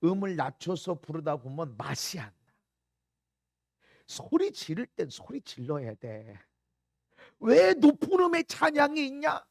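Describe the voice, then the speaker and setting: Middle-aged pastor guy, really high raspy-gravelly voice, fiery sermon, shouts then mutters. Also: huge pitch swings, measured pace, long pauses, no echo, studio quality. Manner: impassioned preaching, shouting out prayers then dropping to a low murmur. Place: church sanctuary.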